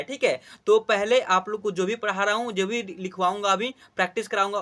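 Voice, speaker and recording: A man's voice: high voice, pushed and bright. A man teaching the Hindi alphabet to children, explaining patiently and chanting syllables aloud for practice.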